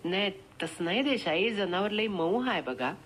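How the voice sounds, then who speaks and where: A woman reading aloud voices a smooth-talking village livestock broker man with a persuasive, coaxing, rustic way of speaking. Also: mid-range voice, animated, a little slow, natural voice.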